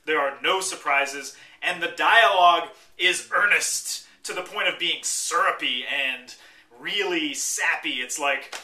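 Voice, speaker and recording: A male film reviewer with a high, very bright and piercing voice, talking through a casual review. He is sarcastic, blunt and swears freely. He sounds distant from the mic, and the room gives an echo. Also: unhurried.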